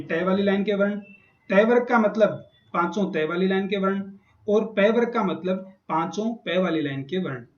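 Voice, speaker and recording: A man teaching Sanskrit grammar in a lecture, patiently repeating and spelling out sounds. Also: sits high. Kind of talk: classroom lecture explaining grammar. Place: college classroom. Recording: echoey dull classroom recording.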